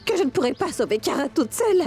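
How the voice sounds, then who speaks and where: A determined young mother, high and lively. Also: quick pace. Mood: reproachful. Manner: urgent, reproachful. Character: determined young mother searching for her daughter. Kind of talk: French dub of a TV drama. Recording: soft music under dialogue.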